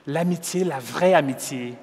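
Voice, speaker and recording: High pitched guy preaching slow and earnest, lots of restarts, big echoey church hall. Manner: measured, with frequent restarts and stumbles; earnest and gently persuasive. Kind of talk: sermon.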